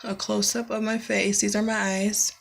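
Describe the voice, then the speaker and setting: A woman's voice: medium pitch, flat delivery, moderate pace, gravelly, a little hiss or hum. A young woman giving a casual makeup tutorial, explaining each step plainly with frequent ums. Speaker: beauty vlogger. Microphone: camera mic, close-ups to the lens.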